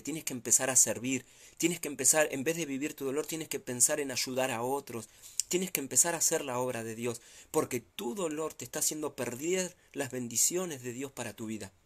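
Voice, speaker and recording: A male pastor preaching a sermon in a church, exhorting listeners with repeated urgent phrases and rising emphasis. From Argentina. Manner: exhorting, repetitive urging, rises in pitch when pressing a point.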